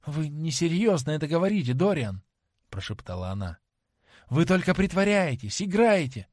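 A man voicing a young woman stage actress, lovesick and imploring, tender and dreamy, slowing on heartfelt words in an audiobook reading. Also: on the high side, very animated, a little mellow, no room sound, clean studio sound, voice pushed up. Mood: pleading.

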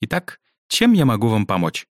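A man's voice: on the low side, wildly swooping pitch, moderate pace, a little mellow, no echo, pitched above the performer's own voice. A man voicing a strict, dry-witted woman teacher who questions two pupils in a clipped, stern manner, read out in a storybook.

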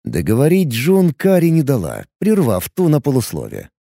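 Mellow-voiced male storybook narrator. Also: medium pitch, creaky, dry recording, clean studio sound. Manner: measured expressive reading. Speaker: audiobook narrator. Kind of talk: scripted narration.

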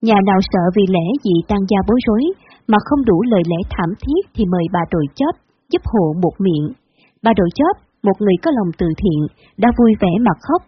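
A woman narrating a story in a measured storytelling manner, with a husky voice. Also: mid-range voice. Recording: dull lo-fi recording.

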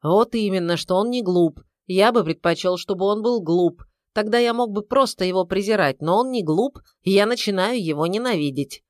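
A woman's voice: mid-range voice, normal speed, few pauses, darkish tone, no echo, studio quality, natural voice. A woman voicing a sarcastic, irritable middle-aged husband who grumbles. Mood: irritated.

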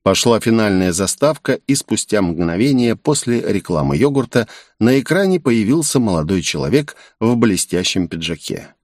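A man narrating a story in an audiobook, with animated storytelling. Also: on the low side, normal speed, hardly any pauses, no room sound, studio quality.

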